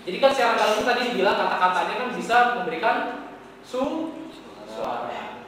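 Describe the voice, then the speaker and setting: A man lectures a class, talking casually and quizzing his students as he goes. His voice sits high and bright. It comes from far off in a classroom with a long, echoing reverb and a faint hum of ambience. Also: very animated, brisk. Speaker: teacher.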